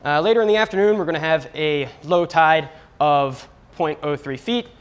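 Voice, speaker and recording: A man's voice: fairly high pitch, normal speed, clean tone. Goofy young man doing comic weather. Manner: goofy, self-mocking, mock-serious. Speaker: fill-in weather presenter.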